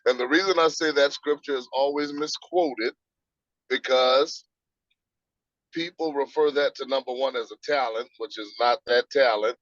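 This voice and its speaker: A man's voice: mid-range voice, moderate pace, a bit bright, no echo, muffled recording. A man guest on a video call, quoting scripture and explaining points step by step in a teaching manner. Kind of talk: casual interview, teaching.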